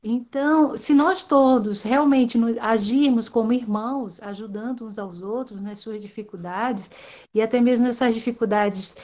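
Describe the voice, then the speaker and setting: Woman, higher voice, rambling and hesitant, speaking in an online class over a video call. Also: normal speed, darkish tone. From Salvador, Brazil. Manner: rambling, hesitant, many fillers. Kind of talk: casual discussion in an online class.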